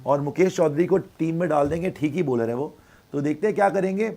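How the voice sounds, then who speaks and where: A man in a casual cricket preview chat, listing players in a relaxed way. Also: on the high side, fairly quick. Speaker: cricket panelist.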